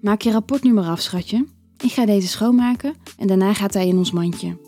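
A woman's voice: mid-range voice, normal speed, warm tone, soft background music, lightly acted. A woman reading the lines of a playful, seductive wife in an erotic audio story, with a teasing, affectionate manner.

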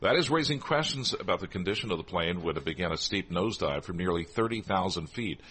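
A man anchors radio news in a low-pitched, slightly rough voice. He reads scripted headlines and hands over to colleagues in a professional broadcast style. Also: animated, fast, a bit bright.

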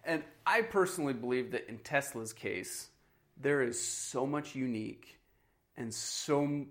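Brief: man, mid-pitched voice, loose podcast talker who leans on fillers. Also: a little slow, a bit bright. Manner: conversational, heavy on "you know" and "like". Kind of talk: casual podcast chat.

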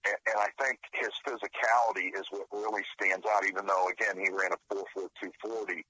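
A man's voice: on the low side, little pitch movement, a little fast, sharp tone, breathy edge, lo-fi sound. A man as a guest sports reporter, giving earnest, detailed analysis in a radio interview.

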